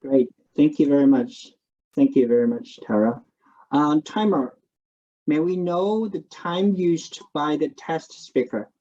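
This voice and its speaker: Guy chairing a speech contest, polite, mellow, kinda muffled. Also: on the high side, measured pace. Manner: polite, brief announcements. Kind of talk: formal meeting chairing.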